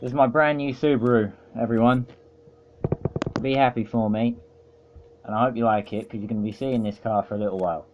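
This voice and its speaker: A man's voice: mid-range voice, fairly even intonation, fairly quick, long pauses, muffled recording, a little hiss or hum. A man casually commenting on a racing game he is playing, rambling and poking fun at himself in a dry way. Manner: rambling, self-mocking and dry. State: feeling overheated. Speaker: let's play host.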